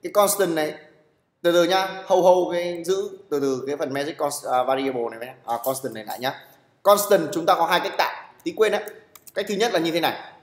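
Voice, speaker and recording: A programming teacher lectures his class fairly quickly, his voice a little high. He's blunt and teasing, constantly checking that students follow and putting them on the spot. Long reverb trails each phrase in the echoey room.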